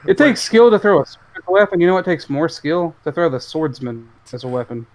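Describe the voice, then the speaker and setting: A man's voice: on the high side, big pitch swings, brisk, dry recording, low-quality recording. Man in laid-back podcast banter. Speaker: podcast co-host and tabletop player. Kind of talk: casual chat.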